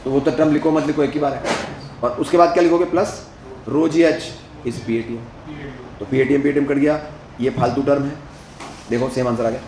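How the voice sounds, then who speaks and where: A man's voice: medium pitch, steady tone, fairly quick, pauses often, darkish tone, echoey room, a little hiss or hum, low-quality recording. A male physics teacher lecturing at a board, asking the class questions as he works through each step and mixing Hindi with English terms.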